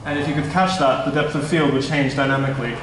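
With a mid-range, fairly bright voice and steady tone, a young man from a tech startup talks fast through a casual conference talk at a meetup. He seems a bit nervous and keeps correcting himself. The sound comes from a distant stand mic in a large, echoey indoor hall, with a little hiss or hum.

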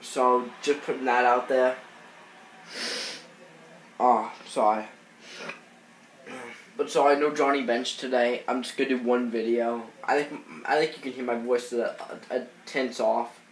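A gaming channel host with a cold sniffles through casual commentary over baseball video game footage, rambling with plenty of fillers and restarts. His mid-range voice keeps a steady tone and measured pace, pausing often, and comes as an off-screen voice-over. The room is echoey, with faint background noise.

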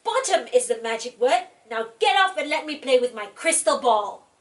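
A cheeky, rude little mouse from a children's storybook, as a woman puts him on. His voice is high and pert. The recording is a bit distant from the mic. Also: takes it slowly. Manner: pert and loud, a little higher.

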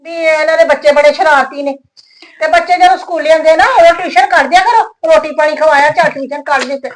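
Woman playing a landlady, high voice, domineering, scolding. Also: fast talker, lightly acted. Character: stern scolding landlady, middle-aged woman. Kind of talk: skit acting.

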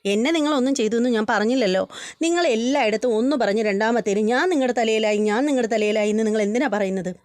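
A proud young wife, read out by a woman narrator, indignant and talking back with her voice raised. It is fairly high-pitched and the recording is dry and close. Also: fast, darkish tone, no echo, close to an everyday voice.

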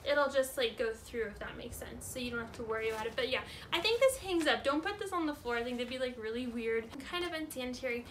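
Casting: female vlogger, twenties, high-pitched and chirpy, informal haul-video chat, slightly noisy indoor recording. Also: quick pace, hardly any pauses, fairly bright tone. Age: 20s. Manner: frequent "like" as filler, informal.

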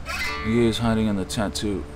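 A man's voice: fairly low pitch, fairly even intonation, moderate pace, over music. A man giving casual, rambling game commentary, swearing freely and running himself down. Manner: profane, self-deprecating. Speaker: gamer doing a playthrough. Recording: noisy background hum.

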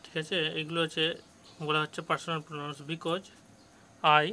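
A male tutor, teaching a grammar lesson to children and slowly explaining and reading English passages aloud. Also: a little high, little pitch movement, bright, forceful tone, a little hiss or hum.

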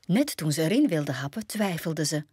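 A woman with a Flemish accent reads a fairy tale aloud for children. Her voice is slightly low and breathy-husky, with a lively rise and fall in her pitch. The recording is close and dry. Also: moderate pace, dry recording. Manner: expressive, dramatic storytelling. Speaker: storyteller reading aloud to children.

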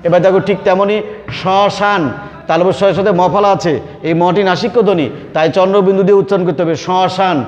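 A man's voice: high voice, steady tone, fast, darkish tone, long reverb tail, lo-fi sound. A man teaching an online grammar lesson, explaining step by step and repeating key words. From Bangladesh.

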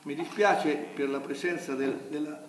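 A man's voice: fairly high pitch, normal speed, far from the mic. An older man speaking bluntly and indignantly at a press conference, with a polemical manner. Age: older, about 70s. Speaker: festival director at a press conference. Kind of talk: press conference speech, reading from notes and arguing. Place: hotel conference room. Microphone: table gooseneck microphone in a roomy hall. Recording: roomy hotel hall, off-mic, background noise.

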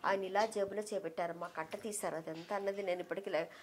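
Middle-aged woman telling an old memory, emotional, goes soft on the quotes, bit of faint background hiss. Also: mid-range voice, steady tone, fast. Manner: heartfelt, emotional storytelling, softening when quoting others. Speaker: interview guest. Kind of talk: reminiscing in an interview.

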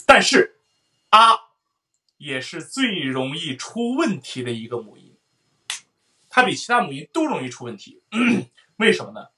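Man, voice teacher, singing lesson, bright forceful tone, breaks into loud sung vowels. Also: a little high, big pitch swings, measured pace, pauses often. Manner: explains then sings vowels, loud sung demonstrations.

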